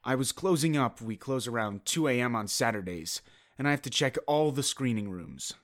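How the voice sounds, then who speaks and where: An actor plays a caller, a young movie theater worker, who tells his story plainly, matter-of-factly and a bit hesitantly, in an earnest mood. His mid-range voice is animated and natural, at normal speed.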